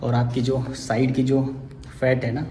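A man's voice: mid-range voice, monotone, unhurried, mellow. Man, thirties, fitness vlogger coaching workouts, voice drifting away from the phone, roomy gym sound. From India. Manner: chatty, coaching, counts breaths during reps. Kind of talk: casual workout vlog with exercise instructions. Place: indoor gym, large echoey room. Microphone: phone camera, often held at arm's length or set on the floor. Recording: echoey gym, voice often far from the phone, gym noise behind.

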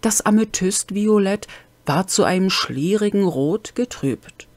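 A woman reading a fan-made audiobook, slow and deliberate, sometimes dropping into a whisper. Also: mid-range voice, lively intonation, a little mellow, no echo. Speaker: audiobook reader.

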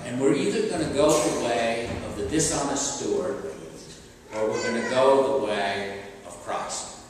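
An older man preaches from a pulpit in a plain, conversational way, pausing on fillers and starting sentences over. His voice sits at an ordinary middle pitch. It reaches a distant camera through the long, echoing reverb of a large church. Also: slight background noise. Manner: conversational, halting with fillers and restarts. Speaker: priest. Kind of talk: sermon. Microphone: stand mic at a pulpit.

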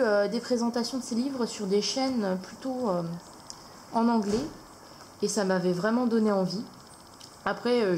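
A woman's voice: medium pitch, darkish tone, slight background noise, low-quality recording. A woman hosting a casual haul video at home, talking hesitantly with many fillers. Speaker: craft channel host.

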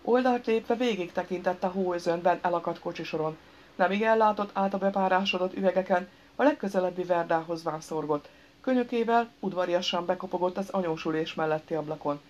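A woman narrating an audiobook in an even, dry storytelling manner. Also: fairly low pitch. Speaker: audiobook reader. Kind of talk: scripted narration. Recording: dull lo-fi recording.

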